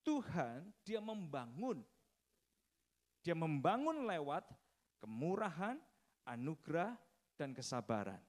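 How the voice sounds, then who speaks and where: A man's voice: a little high, big pitch swings, slow pace, long pauses. A man preaching a sermon, telling a story and often addressing the congregation directly.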